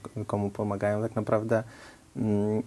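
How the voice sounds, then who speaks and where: Young man guest, warm dark tone, monotone, hesitant then quick. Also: fairly low pitch. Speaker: volunteer program guest. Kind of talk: studio interview. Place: TV studio.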